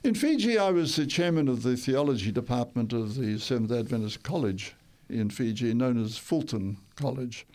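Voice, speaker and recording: An older man who grew up in Tonga tells life stories as a radio interview guest, wandering a little and correcting himself mid-thought. His mid-range, darkish voice is animated and moves at normal speed with hardly a pause.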